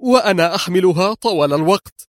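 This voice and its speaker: A man's voice: high-pitched, fast talker, no room sound, studio quality, voice pushed up. A man voicing a fiery, defiant young female agent who speaks sharply and indignantly in a spoken-word thriller.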